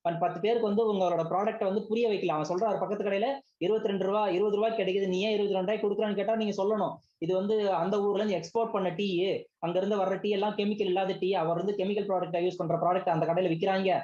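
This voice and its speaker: A man's voice: sits high, little pitch movement, darkish tone. A man, a business team leader giving a motivational sales pep talk, scolding his listeners and checking in with rhetorical questions. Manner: rapid, scolding, full of rhetorical check-ins. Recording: slightly dull lo-fi recording.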